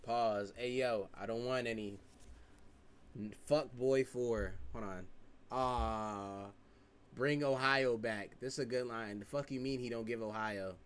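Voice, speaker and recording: A man's voice: medium pitch, steady tone, a little slow, clear, resonant tone. A young man hosting an online blind date game, talking loose and slangy into a headset. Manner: loose slangy talk, easygoing, organizing the call. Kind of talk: casual streamed chat on a group video call. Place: indoor room, streaming setup.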